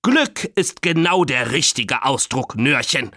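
A man's voice: medium pitch, animated, slow pace, vocal fry, bright, forceful tone, no room sound, clean studio sound, full character voice. A male narrator voicing an old grandfather, theatrical and easily indignant.

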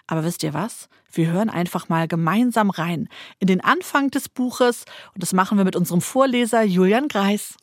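A woman's voice: mid-range voice, moderate pace, few pauses, no echo. Chatty woman hosting a kids' book show. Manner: lively, chatty, often adds tag questions. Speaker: host of a children's book show. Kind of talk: radio show presentation.

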